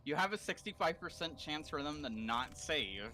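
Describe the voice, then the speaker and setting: A man's voice: a little high, animated, moderate pace, sharp tone. A young man playing a co-op game, explaining its mechanics casually and swearing freely. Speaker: co-op gamer. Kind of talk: casual gaming chat.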